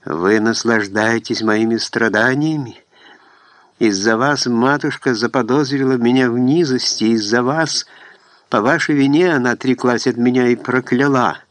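A man's voice: mid-range voice, fairly even intonation, moderate pace, no room sound, natural voice. A man reading aloud voices a young woman who pleads in a trembling, sobbing voice. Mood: anguished pleading.

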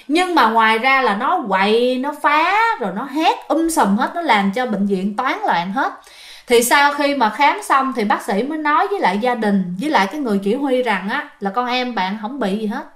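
Female storyteller, Southern Vietnamese accent, high-pitched, casual and chatty, addressing the audience. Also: a bit bright. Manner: chatty, addresses listeners directly. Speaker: ghost story narrator.

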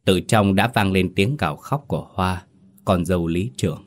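A man hosting and narrating a scripted horror story in a steady, measured way. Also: deep voice. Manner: steady, measured storytelling with hesitant asides in the intro. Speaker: host and narrator.

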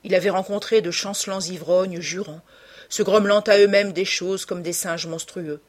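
A woman narrating a classic novel in a measured, hushed storytelling manner, with a husky voice. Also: fairly low pitch, fairly even intonation. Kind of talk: literary audiobook narration.

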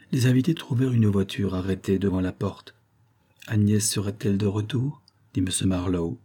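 A man narrating a novel in a steady, measured storytelling manner. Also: fairly low pitch, husky. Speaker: audiobook narrator. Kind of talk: scripted narration.

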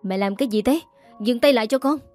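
A woman's voice: a little high, fast, a little mellow, soft background music, lightly acted. A woman voicing a stern young husband who questions coldly. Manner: cold, demanding.

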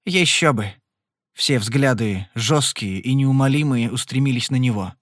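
A man narrating an audiobook Western in a steady, measured storytelling voice. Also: mid-range voice, no echo, studio quality.

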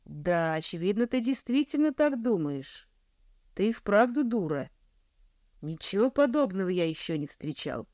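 A woman's voice: mid-range voice, big pitch swings, moderate pace, a little mellow, no echo, clean studio sound, lightly acted. A woman voicing a harsh, weary young husband who speaks curtly and bitterly. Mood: bitter scorn. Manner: curt, bitter.

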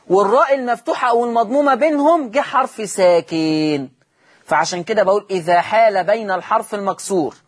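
A man's voice: high voice, breathy edge. A man with an Egyptian Arabic accent teaching Quran recitation on a televised lesson, patiently repeating each rule and quizzing his listeners.

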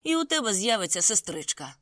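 A reader voicing a quarrelsome, hot-tempered young man who shouts high-pitched, indignant outbursts in an audiobook. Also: very animated, a little fast, no echo, studio quality. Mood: taunting.

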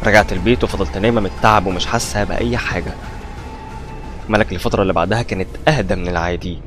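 Casting: Egyptian male storyteller, tense horror narration, brisk pace, low register. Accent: Egyptian Arabic. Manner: tense first-person storytelling. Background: faint background music.

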